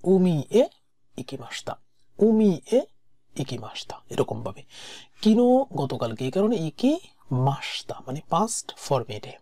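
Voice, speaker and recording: A woman teaching a language-exam lesson, saying each word slowly and repeating it before she explains it. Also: lowish voice, sing-song, warm tone, no room sound, clean studio sound.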